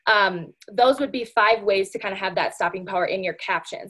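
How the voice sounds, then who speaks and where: A woman with a fairly high voice talks to a group in a loose, chatty way. Her sentences are filled with "like" and "you know". She keeps turning to her listeners as "you guys" while she coaches them. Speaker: speaker training a sales team. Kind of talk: casual motivational presentation.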